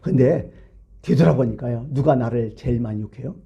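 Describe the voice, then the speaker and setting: A male pastor preaching a sermon, asking rhetorical questions and swinging between loud emphasis and hushed, near-whispered lines. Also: mid-range voice, fairly quick, gravelly, dull audio. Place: church.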